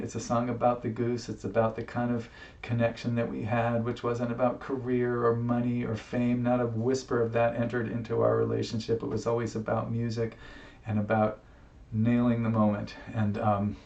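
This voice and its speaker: A musician speaking to camera in a personal tribute, reflective and heartfelt, pausing often with fillers, recorded on a webcam microphone. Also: male voice, medium pitch, gravelly, a little mellow. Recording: roomy, distant, dull webcam sound.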